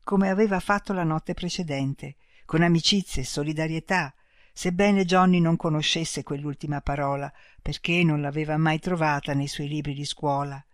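A narrator reading a story in a calm, measured audiobook style. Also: mid-range voice, dry recording, clean studio sound.

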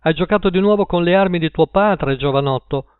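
A man reading an audiobook and voicing a small, prim balding man who speaks with smooth politeness. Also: high voice, a little fast, dry recording, voice pushed up, natural voice. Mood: polite cover. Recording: tinny phone-like line.

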